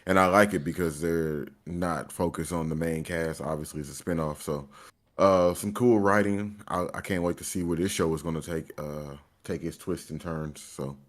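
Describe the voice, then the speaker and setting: Give me a low-voiced man casually chatting as a gaming stream co-host. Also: fairly even intonation, moderate pace. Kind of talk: casual chat.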